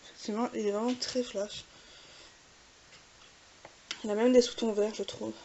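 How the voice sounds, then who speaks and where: A woman's voice: on the high side, flat delivery, normal speed, mellow, lo-fi sound. A woman with a French accent, chatting casually with many fillers while showing makeup swatches. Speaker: beauty vlogger. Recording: faint hiss.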